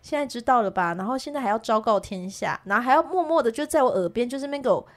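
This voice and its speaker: A woman with a Taiwanese Mandarin accent, co-hosting a podcast and telling a funny story in casual chat, with animated delivery and bursts of laughter. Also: fairly high pitch, racing. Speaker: podcast co-host.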